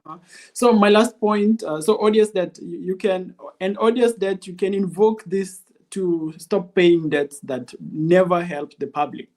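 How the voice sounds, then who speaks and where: A man with a Kenyan accent answering interview questions, laying out arguments step by step in a deliberate way. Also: high-pitched, darkish tone. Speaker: interview guest.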